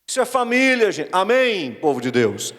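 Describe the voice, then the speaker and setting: Lively Brazilian pastor in a ringing hall. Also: male voice, sits high, moderate pace. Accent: Brazilian Portuguese. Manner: lively, exhorting, mimics whiny voices. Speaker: pastor officiating a wedding. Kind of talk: wedding sermon. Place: large church hall. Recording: long reverb of a church hall.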